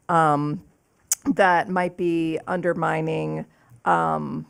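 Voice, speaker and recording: A woman reporter with a somewhat low, gravelly voice asks a question from the audience. She lays out her points methodically, with filler pauses. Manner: detailed, methodical.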